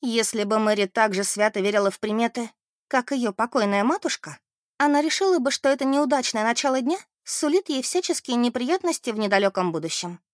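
A woman narrating a novel aloud in an expressive, measured way. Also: a little high, dry recording, clean studio sound.

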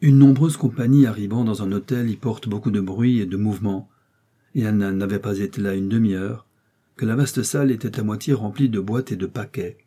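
A man reading a classic novel aloud as audiobook narration, in a steady, even manner. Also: on the low side, a little fast, husky. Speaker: audiobook reader.

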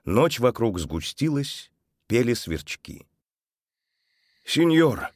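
A man's voice: on the low side, lively intonation, moderate pace, no echo, studio quality. A man narrating a children's story expressively and dramatically.

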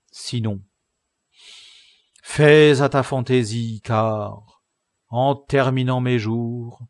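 A man's voice: medium pitch, darkish tone, no room sound. A man voicing a lovesick, grandiloquent middle-aged knight in an audiobook, solemn, lofty and formal. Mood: lovelorn solemn. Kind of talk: audiobook character reading.

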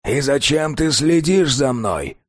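A man reading an audiobook voices a gruff, grumbling old vampire who talks slowly and curtly. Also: animated, no room sound, studio quality. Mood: menacing. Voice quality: low, growling. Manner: slow, weary, curt. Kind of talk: audiobook character voice.

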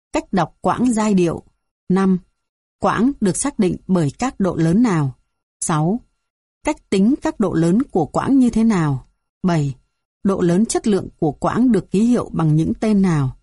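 Mellow woman reading a textbook. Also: medium pitch, husky, no room sound, clean studio sound. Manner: even, measured reading of numbered items. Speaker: narrator reading a music theory textbook. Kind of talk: scripted textbook narration.

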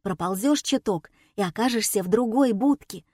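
A woman's voice: mid-range voice, normal speed, darkish tone, dry recording, studio quality, lightly acted. Brief: a woman as a curt male backstage hand hissing orders, storybook reading. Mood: urgent hissing. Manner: hissed whispered commands.

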